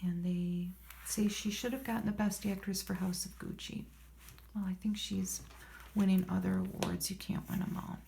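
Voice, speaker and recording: A woman speaking in a soft, hushed, often whispered ASMR voice, reading from a magazine with unhurried, murmured, rambling asides to herself. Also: medium pitch, little pitch movement, gravelly, a little hiss or hum. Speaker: ASMR host. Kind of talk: soft-spoken ASMR magazine read-through with casual commentary.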